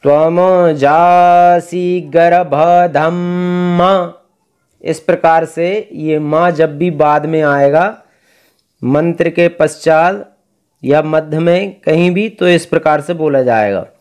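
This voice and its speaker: A man teaching Vedic recitation, explaining pronunciation and chanting verses in slow, drawn-out tones. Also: fairly high pitch, a little mellow. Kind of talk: recitation lesson.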